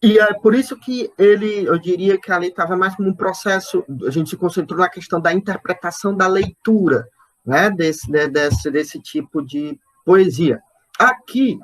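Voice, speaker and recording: A man with a Brazilian accent giving an online poetry lecture, speaking slowly and searchingly, repeating words and checking in with his listeners. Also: high-pitched, a bit bright. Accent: Brazilian Portuguese. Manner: counts out poetic syllables and stresses aloud. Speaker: literature lecturer.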